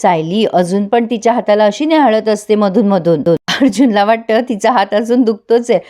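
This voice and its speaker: A woman's voice: mid-range voice, fairly quick, mellow. A woman hosting a casual episode recap, telling the story in a storytelling way and speaking straight to her viewers. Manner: storytelling, addresses viewers directly. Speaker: serial recap host.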